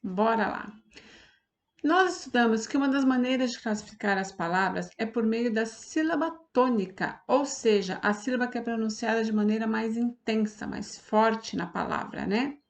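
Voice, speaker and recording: Woman, Brazilian Portuguese accent, teacher, patient step-by-step explaining, slightly high voice. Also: normal speed. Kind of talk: online class lesson.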